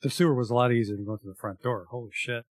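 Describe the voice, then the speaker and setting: A man's voice: mid-range voice, rapid-fire, darkish tone, no echo, studio quality. A man giving casual, offhand and wry commentary as he plays a video game. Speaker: let's play commentator.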